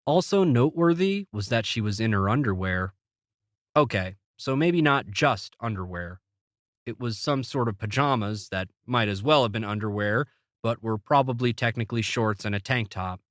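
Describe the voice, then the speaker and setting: A man's voice: fairly low pitch, lively intonation, moderate pace, no room sound. A man narrating a novel in the first person, with a wry, dry sense of humor. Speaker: audiobook narrator.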